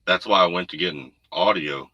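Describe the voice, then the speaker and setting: Talking fairly quickly in a bright, forceful tone, a deep-voiced trucker hosts a casual livestream from home, wandering laid-back through viewers' comments. The desk USB condenser mic captures a muffled recording with no echo and background noise.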